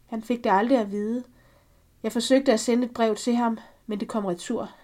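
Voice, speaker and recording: A woman reading a first-person story aloud for a podcast, calm and measured. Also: a little high. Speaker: podcast reader.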